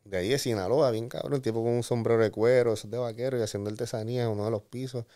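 A man's voice: medium pitch, fairly even intonation, racing, dark tone. A man from Puerto Rico with a Puerto Rican accent, telling a long rambling anecdote in casual slangy chat. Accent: Puerto Rican Spanish. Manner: rambling, slangy storytelling with restarts. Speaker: guest storyteller.

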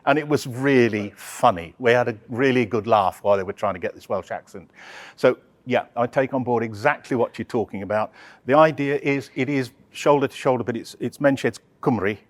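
A man presenting an opera project, answering audience questions in a chatty, halting way with many restarts. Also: mid-range voice. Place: live talk session.

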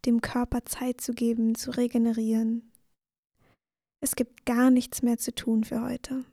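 Woman doing a bedtime sleep story, gentle breathy near whisper, kinda high but even, really close dry sound. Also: no room sound. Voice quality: breathy, soft. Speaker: sleep meditation podcast host and narrator. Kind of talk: sleep story narration, guided bedtime meditation.

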